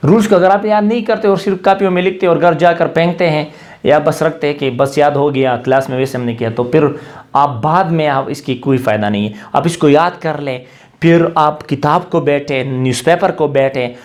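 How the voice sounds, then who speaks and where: A man's voice: on the high side, moderate pace, a little mellow. A man teaching English grammar in a classroom-style lecture, asking questions and answering them himself, slipping into English phrases.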